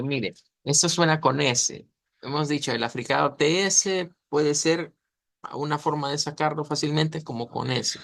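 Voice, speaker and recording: A man teaching German pronunciation in a lesson, explaining step by step and slowly sounding out words. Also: mid-range voice, gravelly, fairly bright tone, dry recording.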